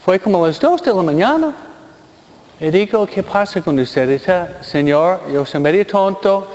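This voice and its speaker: In a dull-sounding, long-reverberant hall, a Michigan man in his sixties gives a sermon featuring a personal anecdote. His high-pitched voice is animated and a little mellow, his preaching slow, and he deliberately repeats phrases for emphasis.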